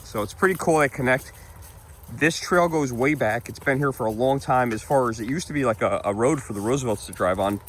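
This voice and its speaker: A man's voice: medium pitch, fairly quick, slight background noise. Rambling man chatting on a walk. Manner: rambling and chatty, laughing often while walking the dog. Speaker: vlogger. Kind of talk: casual walking vlog chat. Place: outdoors on a wooded trail.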